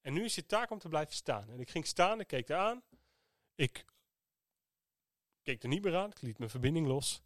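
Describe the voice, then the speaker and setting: A man's voice: a little high, very animated, normal speed, long pauses, no room sound, studio quality. A man hosting a podcast, telling a personal story in an earnest, reflective way. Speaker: podcast host.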